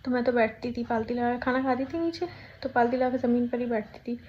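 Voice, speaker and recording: A woman's voice: fairly high pitch, fairly even intonation, fast, dull audio, a little hiss or hum. A young woman chatting casually at home in a vlog, rambling and correcting herself as she talks. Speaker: vlogger. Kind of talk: casual pregnancy vlog chat.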